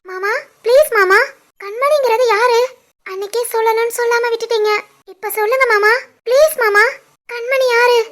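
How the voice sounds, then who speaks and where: A woman voicing an outspoken young daughter-in-law in an animated family drama, defiant and lecturing, with a southern Tirunelveli Tamil accent. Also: extremely high pitch, normal speed. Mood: pleading. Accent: southern Tamil Nadu (Tirunelveli) Tamil.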